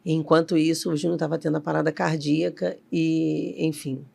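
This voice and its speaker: A woman's voice: deep voice, little pitch movement, normal speed, gravelly, darkish tone, breathy edge. A middle-aged woman, a company CEO telling a personal story as an interview guest and acting out the voices she quotes.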